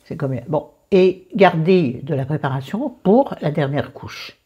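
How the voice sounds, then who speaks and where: A woman's voice: sits low, expressive, a little slow, husky, dull audio. A woman casually walking viewers through a recipe, chatty and digressive, with joking asides to herself. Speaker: cooking vlogger.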